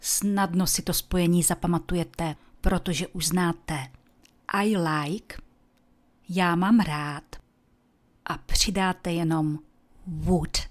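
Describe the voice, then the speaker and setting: A woman giving a scripted English lesson to Czech speakers, slowly and carefully demonstrating the pronunciation of each word. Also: fairly low pitch. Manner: Czech-speaking teacher pronouncing English words. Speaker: English teacher.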